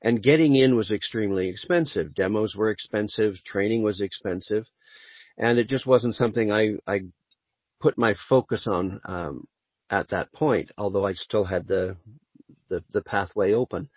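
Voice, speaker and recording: A man being interviewed as a voice actor, talking in a relaxed, conversational way with dry humor. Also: fairly low pitch, normal speed, husky, no echo. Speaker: voice actor guest. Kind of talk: casual interview chat. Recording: muffled lo-fi audio.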